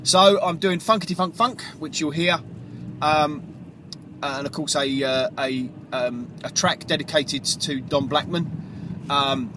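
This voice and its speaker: A man's voice: fairly high pitch, a little slow, noisy background. A radio DJ, talking casually and in a rambling, self-correcting way as he previews his show from a car.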